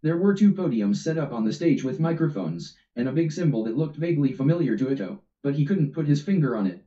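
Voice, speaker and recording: A man's voice: on the high side, expressive, fast, warm tone. A man reading a comedic story aloud in a casual, amused way, recorded distant and roomy. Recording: roomy, distant, dull audio.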